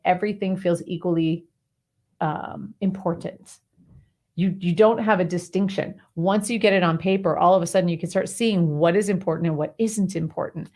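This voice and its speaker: In an interview, a clarity coach with a lowish voice hands out advice. She's an animated, breezy storyteller who often reaches for fillers like "like" and "right."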